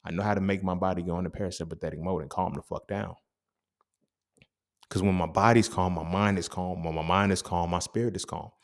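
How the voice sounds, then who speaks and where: A young man with a fairly low voice talks straight to his listener in a loose, profane monologue. He drives his points home with emphasis and keeps asking whether you feel him. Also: fairly even intonation, a little fast. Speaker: podcast host. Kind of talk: casual motivational monologue.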